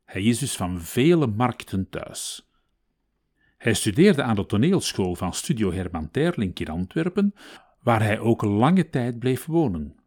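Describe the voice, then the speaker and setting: Calm man reading slowly. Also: on the low side. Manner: calm, unhurried reading with lively intonation. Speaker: podcast host. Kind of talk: podcast narration and poetry reading. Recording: music playing behind the voice.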